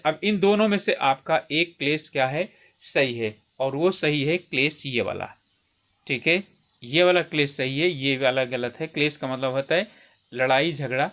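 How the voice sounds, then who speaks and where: Male exam tutor with a slightly high voice; steady step-by-step walkthrough of answers, repeats key words. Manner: explains step by step, repeats words and says "theek hai" often.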